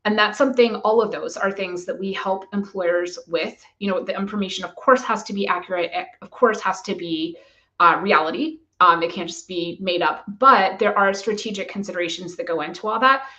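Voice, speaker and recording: A woman immigration lawyer giving a measured, methodical explanation to camera. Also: medium pitch, sharp tone, low-quality recording.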